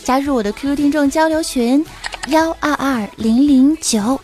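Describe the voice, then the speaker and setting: A woman with a high, bright voice hosts a comedy podcast at a moderate pace, teasing and joking with animation while narrating her own joke setups. Music is clearly audible behind her throughout.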